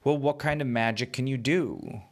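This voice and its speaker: A man's voice: medium pitch, normal speed, natural voice. A man voicing a curious, polite young girl in a children's bedtime story, hesitant as the character thinks aloud.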